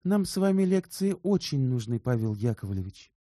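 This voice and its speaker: A man's voice: medium pitch, sing-song, moderate pace, dark tone, dry recording, studio quality, pitched above the performer's own voice, close to an everyday voice. A man putting on a cool, direct young woman. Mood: cool, pointed. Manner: poised, pointed questions. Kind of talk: audiobook character reading.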